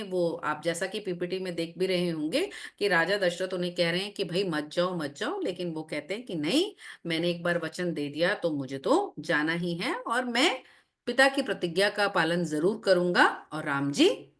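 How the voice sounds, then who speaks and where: Lively woman telling a story to a class. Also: fairly high pitch. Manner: lively, checks in often with the class. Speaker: online class teacher. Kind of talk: storytelling lesson to children on a video call. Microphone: video call.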